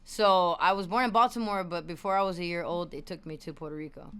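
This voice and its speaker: Young woman guest on an interview, chill slang, smooth lowish voice. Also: fast talker. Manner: upbeat, slangy, gives shout-outs. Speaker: guest musician. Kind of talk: casual interview chat.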